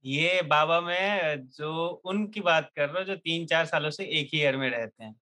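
A young man a bright, fairly high voice tells a funny story to friends. He jokes and laughs freely, tossing words into his speech. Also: normal speed. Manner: lively, jokey, laughs often. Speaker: storyteller in a group chat show. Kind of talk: comic storytelling among friends.

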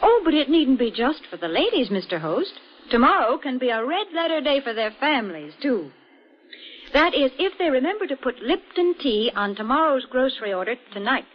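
Woman pitching products on old-time radio. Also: big pitch swings, brisk, a little hiss or hum. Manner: bright, persuasive sales pitch. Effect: old radio broadcast sound. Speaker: commercial announcer. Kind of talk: 1940s radio commercial reading. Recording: dull lo-fi 1940s radio recording.

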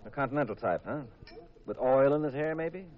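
An actor playing a teasing, skeptical detective husband in an old radio drama. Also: male voice, medium pitch, expressive, brisk, close to an everyday voice. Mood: jealous, mocking. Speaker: lead actor. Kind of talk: 1950s radio drama acting. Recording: muffled old radio recording with music.

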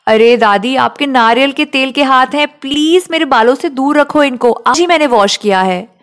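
A woman's voice: high voice, moderate pace, fairly bright tone, voice pushed up. A woman voicing a playful, caring daughter in her twenties, teasing her family with affection. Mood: affectionate. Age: 20s.

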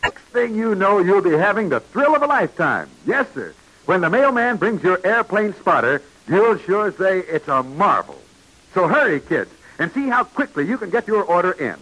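A man announcing an old 1940s radio serial, pitching to kids in a hearty way. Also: sing-song, normal speed, sharp tone, breathy edge, low-quality recording.

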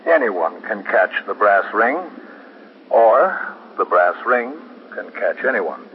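An American actor playing a firm, sober middle-aged police captain in a 1950s radio drama. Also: male voice, on the low side, lively intonation, slow pace. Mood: somber narration. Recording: reverberant, dull, hissy 1950s radio recording.

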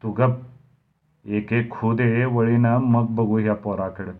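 A man's voice: mid-range voice, steady tone, slow pace, phone-quality sound, lightly acted. A man voicing a pushy village boy who needles and demands answers. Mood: demanding.

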